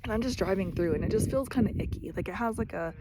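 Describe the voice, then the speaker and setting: A woman's voice: medium pitch, quick pace. Chatty woman vlogging on a hiking trail. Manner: chatty storytelling, many fillers like "like" and "you know". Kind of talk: casual faith vlog told while hiking. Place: outdoors on a mountain biking trail. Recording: noisy outdoor recording with clicks.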